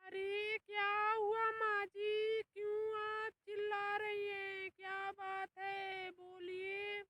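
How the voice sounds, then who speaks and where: A woman's voice: extremely high pitch, completely flat delivery, slow. Woman playing a whiny young daughter-in-law. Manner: whiny pleading. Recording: loud background noise.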